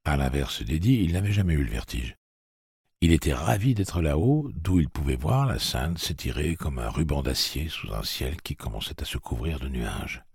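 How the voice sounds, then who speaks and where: A man reading a novel aloud as an audiobook narrator, with a gravelly, husky voice and a steady, measured delivery. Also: a bass voice, no room sound, studio quality. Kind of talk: scripted narration.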